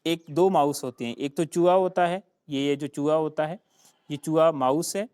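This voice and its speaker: A man's voice: on the high side, steady tone, moderate pace, a little mellow, smooth, no echo, studio quality. A man from Sindh, a Sindhi speaker, teaching a grammar lesson. He spells words out letter by letter, repeats them, and calls his students "beta". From Sindh, Pakistan. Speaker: English teacher. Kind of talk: classroom grammar lecture.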